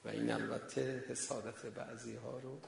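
A man's voice: mid-range voice, flat delivery, gravelly, reverberant. A man preaching a religious sermon with passion, firing off rhetorical questions at his listeners. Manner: impassioned, full of rhetorical questions.

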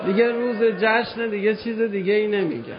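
A high-pitched man delivers an emotional sermon, telling an old story with passion and turning to address the crowd of listeners. The sound is a bit muffled and lo-fi. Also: fairly even intonation, over music. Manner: impassioned, addresses listeners directly. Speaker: religious preacher.

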